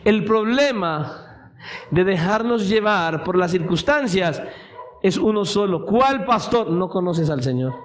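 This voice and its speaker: A male preacher with a high-pitched voice delivers a sermon in a church. He speaks with fervor, and his voice climbs into shouted appeals. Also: lively intonation, slow. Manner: impassioned, rising to shouted pleas.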